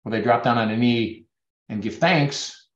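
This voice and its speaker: A man's voice: mid-range voice, moderate pace. Man, dentist, webinar talk, persuasive, echoey room, muffled sound. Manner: earnest, persuasive storytelling. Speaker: dentist presenter. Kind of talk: webinar presentation. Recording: roomy, dull webinar audio.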